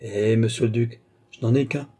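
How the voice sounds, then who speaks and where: A man's voice: medium pitch, fairly even intonation, normal speed, warm tone, slightly rough, lightly acted. A man voicing a proud, stubborn old countess who speaks haughtily and takes offense easily. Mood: haughty. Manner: haughty, touchy.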